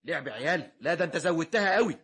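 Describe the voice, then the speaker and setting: An actor playing an indignant young son with an Egyptian accent, breathy and protective, in a radio comedy. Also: male voice, a little high, expressive, racing, a bit bright, heavily acted. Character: indignant young son defending his mother.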